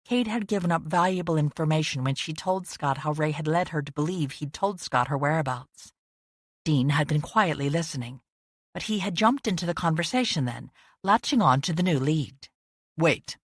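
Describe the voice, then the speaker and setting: A woman reading a first-person audiobook narration in a measured, introspective way. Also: low-pitched, lively intonation, slightly rough, no echo, clean studio sound.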